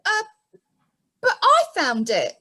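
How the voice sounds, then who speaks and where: A woman's voice: very high-pitched, huge pitch swings, slow pace, pushed and bright, exaggerated voice. A woman playing an eager, earnest young lad in a comic pantomime, with exaggerated enthusiasm. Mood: earnest, protesting.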